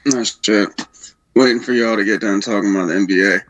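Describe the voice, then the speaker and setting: A man's voice: fairly low pitch, a little fast, fairly bright tone, a little hiss or hum. A man joining a casual chat, blunt and opinionated.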